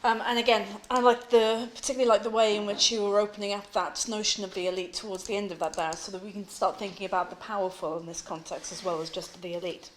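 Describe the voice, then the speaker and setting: A woman's voice: medium pitch, steady tone, quick pace, few pauses, roomy sound, a little hiss or hum, low-quality recording. A woman chairing an academic panel, thanking and introducing speakers.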